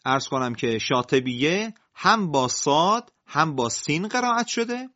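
A man's voice: on the high side, very animated, bright, forceful tone, muffled recording. A man teaching Quran recitation rules, going through numbered points one by one in a careful explanatory lecture. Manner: methodical, enumerating points one by one.

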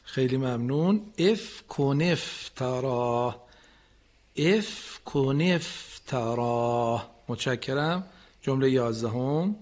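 A man teaching Quran recitation on a radio lesson. He corrects students patiently and models phrases slowly, sometimes chanting them. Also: medium pitch, a little mellow.

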